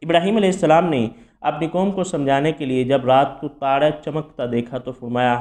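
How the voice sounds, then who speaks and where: A man with a Pakistani Urdu accent giving a measured, explanatory Quran commentary lecture. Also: on the high side, steady tone, darkish tone. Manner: explanatory, measured, lists many names one by one. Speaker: religious commentator.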